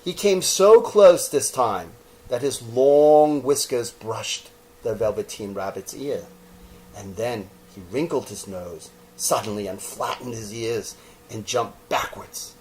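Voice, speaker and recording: A man narrating a children's story expressively, with theatrical phrasing and pauses. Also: mid-range voice, a little mellow, slight background noise, poor audio.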